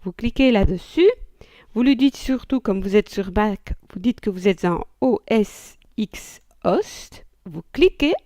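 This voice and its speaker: A woman talks students through a computer setup in an easygoing, joking way, pausing to think aloud. Her delivery is slow and unhurried. The sound is dry and close, with no room around her. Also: mid-range voice, animated, warm tone, no room sound. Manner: chatty, thinking aloud with fillers and little jokes. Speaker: teacher. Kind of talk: screen-recorded software tutorial.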